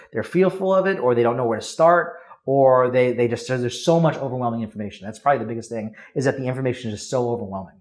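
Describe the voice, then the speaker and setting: A man talks quickly and eagerly as a podcast guest. He is a copywriter laying out his process in casual interview chat. His voice sits at an ordinary middle pitch. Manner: high-energy, eager explaining.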